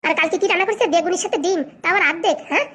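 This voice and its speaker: A woman voicing a demanding, sharp-tongued pregnant young wife in a comic cartoon, scolding and nagging. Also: extremely high pitch, rapid-fire. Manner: scolding, nagging with constant "haa?" tags.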